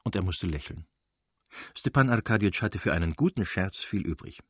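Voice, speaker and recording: A man reading a classic novel aloud in calm, measured audiobook narration. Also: sits low, breathy edge, no room sound. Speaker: audiobook reader.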